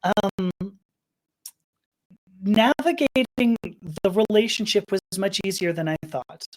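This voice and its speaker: This podcast guest, a middle-aged woman from Los Angeles, speaks slowly in an expressive, medium-pitched voice. Her personal story wanders and turns emotional, full of restarts and bursts of laughter.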